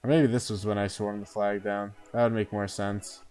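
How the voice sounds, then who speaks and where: A man's voice: on the low side, little pitch movement, moderate pace, a little mellow, soft background music. A man giving casual live commentary as he streams a game, thinking aloud and often tagging on "uh" and "right?".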